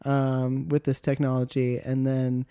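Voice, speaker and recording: A man's voice: medium pitch, monotone, a little slow, dark tone, clear, resonant tone, dry recording, clean studio sound. A man in a casual podcast discussion, hesitant and a little skeptical, trailing off as he thinks. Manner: hesitant, skeptical, laughs easily.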